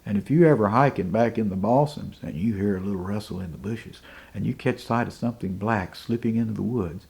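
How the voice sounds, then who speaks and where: A man telling a folk tale in an unhurried, dramatic way, dropping to hushed asides. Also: lowish voice, vocal fry. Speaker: folk storyteller.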